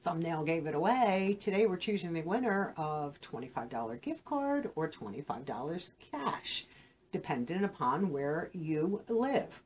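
A woman's voice: deep voice, big pitch swings, unhurried, a little mellow, a little hiss or hum. A woman hosting a beauty unboxing channel, talking straight to camera in a casual, rambling and frank way. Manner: chatty, rambling, frank with viewers. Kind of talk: casual direct-to-camera chat.

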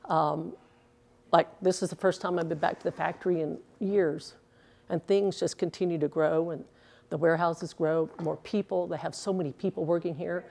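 Her voice is fairly low, gravelly and a little mellow, with a steady tone and moderate pace. She is a woman in her sixties and former professional bowler, answering a casual interview earnestly with filler words, recorded via lapel mic in an indoor bowling alley.

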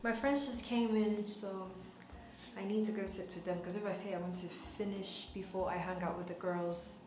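A talkative Ghanaian vlogger in her twenties chats affectionately and casually to her viewers at home. She speaks at medium pitch, steady, at normal speed, in echoey rooms over a music bed.

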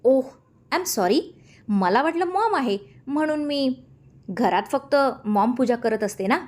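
Cheeky young son in a storybook reading, bright, lifted voice, put on by a woman narrator. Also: high-pitched, expressive, measured pace, pitched above the performer's own voice. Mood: teasing. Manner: cheeky, jokey. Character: playful teasing young man, a grown son.

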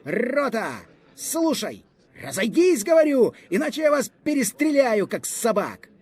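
A man voicing a frightened young army officer who barks orders in a frantic, shrill yell. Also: sing-song, a little slow, breathy edge, heavily acted. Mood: threatening. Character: panicked young army officer barking commands.

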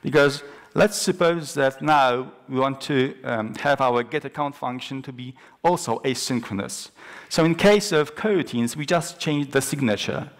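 A man's voice: mid-range voice, moderate pace. A young man presenting a technical talk on a large conference stage, explaining step by step with frequent ums and restarts. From Poland. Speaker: conference speaker.

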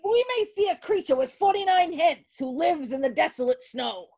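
A shrill boastful centipede. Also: male voice, expressive, normal speed. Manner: loud, boastful. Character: boastful excitable male centipede.

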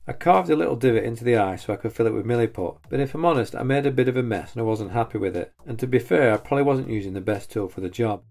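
A man in his forties hosts a woodworking channel and reads a scripted voice-over with faint music behind it. His mid-range, darkish voice races along with vocal fry and hardly any pauses, plainly and matter-of-factly criticizing his own work.

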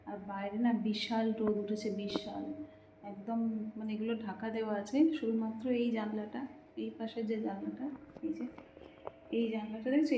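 A young woman and mother talking softly through her home vlog, keeping her voice low so her child can sleep. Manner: hushed, soft-spoken so a child can sleep. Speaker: vlogger and mother. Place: small room at home, indoors. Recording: echoey room with faint background noise.

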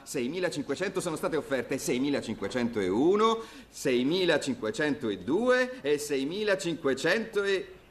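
A man's voice: sits high, slight background noise. An actor in his forties playing a polished auctioneer in a dubbed TV drama, with formal, projected patter. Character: polished middle-aged male auctioneer running a sale.

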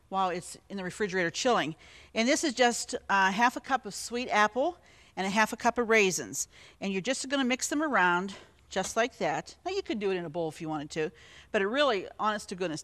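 A woman's voice: mid-range voice, a bit bright. Chatty woman hosting a cooking show. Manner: chatty and encouraging, talks straight to viewers; explains each step as she works. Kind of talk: TV cooking demonstration.

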